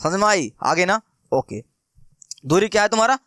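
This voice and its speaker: High, chatty Hindi math teacher. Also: male voice, expressive, moderate pace, a bit bright, no echo, studio quality. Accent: Bihari Hindi. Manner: chatty and playful, keeps asking questions and answering them himself. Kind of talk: casual classroom lesson explaining with everyday examples.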